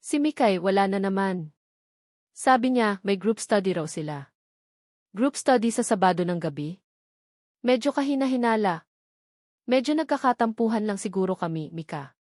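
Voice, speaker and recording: A woman reading a romance story aloud in the first person, in a measured, emotional storytelling manner. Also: medium pitch, a little mellow, no room sound, studio quality. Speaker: audiobook narrator.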